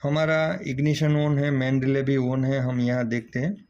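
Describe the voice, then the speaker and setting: This hands-on technical lesson comes from an auto electrical repair instructor, a man with an Indian accent who explains each step and often checks with the learner. His mid-range voice is level, a little mellow, at a moderate pace. Audio is dull, lo-fi, with faint background noise.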